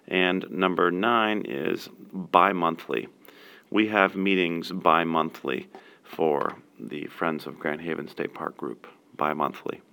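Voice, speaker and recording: A man's voice: sits low, gravelly, bright, forceful tone, smooth. A man reading out a spelling test word by word, giving a casual example sentence for each. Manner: plain, patient dictation with casual asides.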